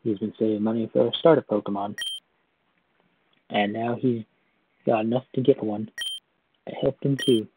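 A man's voice: lowish voice, steady tone, moderate pace, pauses often, phone-quality sound, noisy background, natural voice. Kindly old grandmother, as a man reads her lines. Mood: gentle. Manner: reading in-game text aloud. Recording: loud game music behind.

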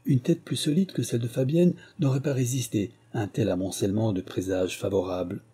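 Male audiobook reader, measured literary delivery, warm dark tone, slight husk. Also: medium pitch, slightly rough. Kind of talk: scripted narration.

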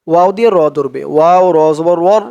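A man teaching recitation, spelling out syllables and then chanting each verse in a slow, drawn-out voice. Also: sits high, warm tone, clean tone, lo-fi sound.

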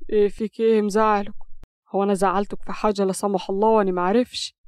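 A woman's voice: mid-range voice, little pitch movement, racing, darkish tone, no echo, clean studio sound, close to an everyday voice. A woman voicing a teasing young husband, speaking with an Upper Egyptian accent in mock-cool banter. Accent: Upper Egyptian Arabic. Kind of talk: audio story reading.

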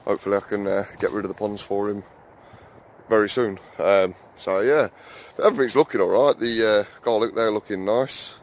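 Speaking a little fast in a lowish, steady voice, an allotment vlogger walks viewers around his plot outdoors and then his small garden shed. It's a casual walk-and-talk full of fillers, with him repeatedly calling the audience guys.

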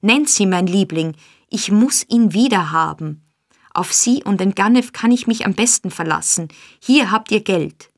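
A woman reading an audiobook, voicing a sly old male gang boss who talks in a coaxing, flattering way. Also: mid-range voice, measured pace. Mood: urgent.

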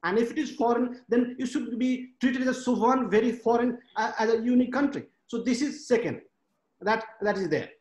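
A man in his thirties from Nepal speaks as a panelist on a webinar, frank and emphatic, counting off his points one by one. His voice sits high. He talks into a laptop webcam in a home study, and the room adds a noticeable echo. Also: fairly quick, a little mellow. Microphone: laptop webcam on a video call. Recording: echoey room on a video call.

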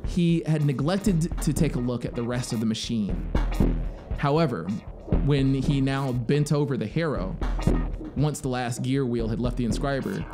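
Reading a literary story into a close studio microphone on a boom arm, a man in his thirties who narrates and makes music speaks in a mid-range voice, slow and dramatic, lingering on key words. Synthesizer soundscape music plays under his voice in his small indoor home studio.

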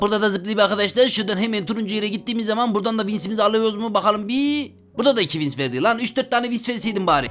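Excitable high-voiced young man gaming. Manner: excitable, loud outbursts and frequent exclamations; talks to viewers as friends, slangy. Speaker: gaming video host. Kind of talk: Roblox gameplay commentary.

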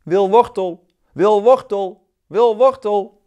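A man's voice: high-pitched, slow pace, dark tone, clear, resonant tone, pitched above the performer's own voice. A man playing a small two-legged carrot boy. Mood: calling out. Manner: cheerful, turning tearful and plaintive.

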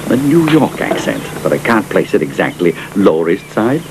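A man's voice: sits low, big pitch swings, normal speed, background noise. Brief: a middle-aged snob of a father, scornful, sweeping intonation. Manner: pompous, sneering. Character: haughty rich aristocratic father, scornful and sly. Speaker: wealthy father. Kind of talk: dubbed film acting.

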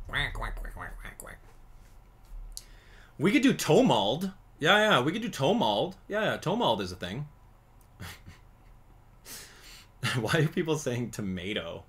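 A man in his thirties commentates casually on a gaming livestream. His pitch swings widely as he chats with viewers, giving him an animated, easygoing streamer sound. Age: 30s. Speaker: livestream host playing a video game. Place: indoor streaming setup.

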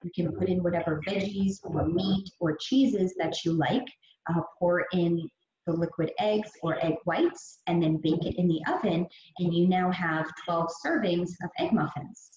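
A young adult woman, a fitness trainer, gives an upbeat, chatty meal prep talk over slides on a video call, her voice fairly low, a little mellow, and at normal speed, with many fillers. She's in a gym or studio room, and the audio is echoey, dull, lo-fi, with a faint hiss.

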